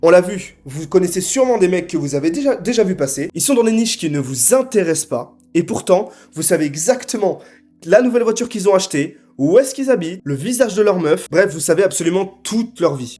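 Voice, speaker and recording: A young man giving a scripted sales pitch to camera, assertive and punchy, often tagging his sentences with quick check-ins. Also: lively intonation, mellow. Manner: assertive, punchy, frequent tag questions. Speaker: marketing consultant.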